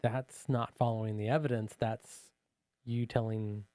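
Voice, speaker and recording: A man's voice: on the low side, level tone, a little slow, dark tone, no echo. A man co-hosting a casual reaction podcast, arguing earnestly and often restarting his sentences. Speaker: podcast co-host.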